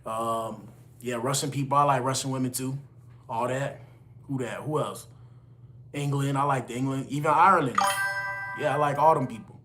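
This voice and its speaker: A man's voice: medium pitch, fairly even intonation, normal speed, pauses often, fairly bright tone, soft background music. A man in his late twenties hosting a casual live stream, reading out chat names and answering viewers in loose, laid-back slang. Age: 20s. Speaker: livestream host reading chat.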